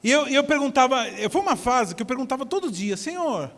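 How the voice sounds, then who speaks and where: A man with a Brazilian Portuguese accent preaching a sermon at a church service, telling stories in an animated way that swings from near-shouts to soft asides. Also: extremely high pitch, fast. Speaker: pastor. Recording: long church hall reverb.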